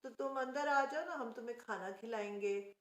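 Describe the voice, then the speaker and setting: Sly storybook witches with a wheedling, sugary lure that turns to scolding, as a woman puts them on in her plain voice, recorded in a room with a clear echo. They sound close to an everyday speaking voice. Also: a little high, moderate pace, fairly bright tone, natural voice. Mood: coaxing. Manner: coaxing, then scolding. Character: two sweet-talking young witch women. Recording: echoey room.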